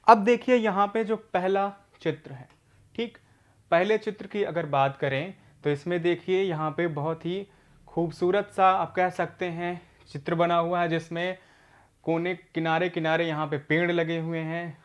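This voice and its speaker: A man teaching adult literacy, explaining each step slowly and patiently and checking in after each point. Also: a little high.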